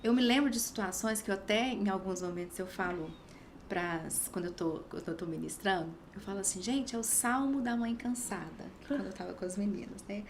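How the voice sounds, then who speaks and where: A woman's voice: medium pitch, a little fast, a little hiss or hum. A woman in her thirties in a casual faith podcast chat, telling her story animatedly and dropping to a whisper when she quotes scripture. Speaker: podcast guest sharing her testimony.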